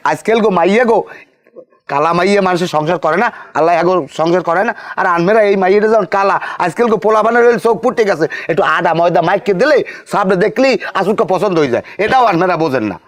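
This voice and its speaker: Man playing a gruff, scolding village father, fairly high voice, rural dialect. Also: lively intonation, fast talker. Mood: lecturing. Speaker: actor in a village comedy drama. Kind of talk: rural comedy drama acting.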